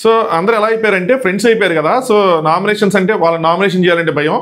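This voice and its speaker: A man's voice: high voice, very fast, fairly bright tone. A young man hosting a casual episode review, chatty and mixing English words into his talk. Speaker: YouTube show reviewer and host.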